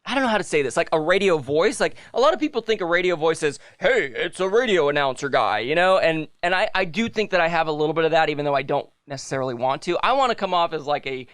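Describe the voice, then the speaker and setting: A man's voice: a little high, lively intonation, quick pace, hardly any pauses, fairly bright tone, smooth, dry recording. A young man co-hosting a podcast in casual chat, rambling and correcting himself, often laughing. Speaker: podcast co-host.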